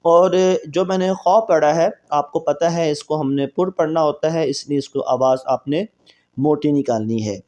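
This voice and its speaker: Pakistani quran teacher guy, kinda high voice, rattles off rules then stretches letters out slow. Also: a little mellow. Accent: Pakistani Urdu. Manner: explains quickly, then drawls letters slowly for practice. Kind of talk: recorded reading lesson.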